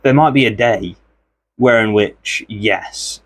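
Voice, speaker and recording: Low husky guy rambling casually on his art vlog, keeps clearing his throat. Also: slow pace. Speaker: art channel host. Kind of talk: casual chat while making art.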